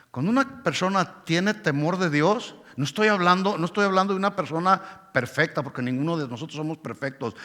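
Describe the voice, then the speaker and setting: Bright-voiced preaching man in a reverberant hall. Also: a little high. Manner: emphatic preaching, often checks in with the congregation. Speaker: pastor. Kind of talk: sermon. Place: church hall. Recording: long church hall reverb.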